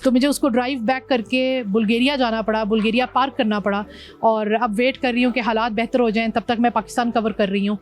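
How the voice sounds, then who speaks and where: A woman's voice: on the high side, steady tone, quick pace. A woman from Pakistan, a motorbike traveller, telling her journey in an interview, mixing English words into her speech. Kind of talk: interview conversation.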